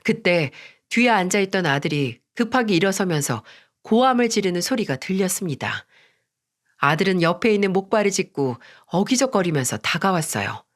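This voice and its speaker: A woman narrating a dramatic first-person family story in a measured, subdued tone. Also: lowish voice, sing-song.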